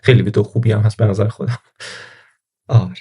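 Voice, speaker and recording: Mellow-voiced man teaching Linux. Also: on the low side, fairly even intonation, breathy edge. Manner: thinks aloud, corrects himself mid-sentence. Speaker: Linux course instructor. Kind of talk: casual screen-recorded tutorial.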